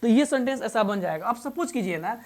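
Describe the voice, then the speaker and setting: A woman teaching English grammar in Hindi. She repeats each example slowly and quizzes the learners as she goes. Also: a little high, expressive, a little mellow. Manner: addresses learners fondly as "babu". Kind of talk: Hindi-medium classroom grammar lesson.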